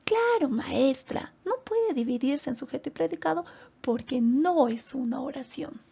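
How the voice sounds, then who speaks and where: A woman's voice: sits high, lively intonation, measured pace, gravelly, mellow, highs cut off, full character voice. A woman voicing a curious young pupil who politely asks the teacher questions.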